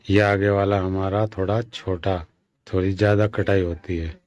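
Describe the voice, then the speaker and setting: A man with a slightly sore throat gives a slow, repetitive step-by-step sewing tutorial as a tailoring instructor. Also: sits low, level tone, a little mellow. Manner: slow, repetitive instructions addressing viewers as friends.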